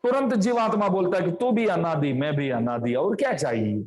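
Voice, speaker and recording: Male spiritual speaker, fairly high voice, storytelling sermon that voices each character. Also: animated, moderate pace, a little mellow. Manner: acts out family members' quoted lines in a story. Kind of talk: devotional storytelling discourse.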